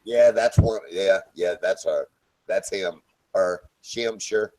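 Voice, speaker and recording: A man joking evasively and deadpan in a casual group voice chat. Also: sits low, slow, low-quality recording.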